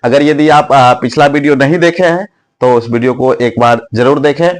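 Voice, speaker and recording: A man's voice: mid-range voice, moderate pace. A man teaching English letter sounds in a spoken lesson, asking questions and answering them himself, with frequent fillers.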